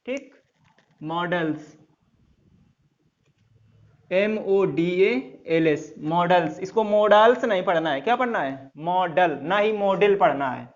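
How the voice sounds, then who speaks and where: A man teaching an English grammar lesson at an unhurried pace, his voice sitting high. He keeps repeating key words and quizzes his listeners with quick questions. The recording sounds dull and lo-fi. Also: animated. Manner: recites a couplet slowly. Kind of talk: classroom lecture.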